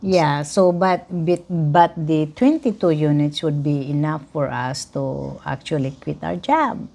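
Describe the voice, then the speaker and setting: A woman's voice: low voice, measured pace, gravelly, mellow. A woman co-hosting a rental tips chat, agreeing and adding brief clarifications. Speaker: short-term rental co-host. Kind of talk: casual advice chat.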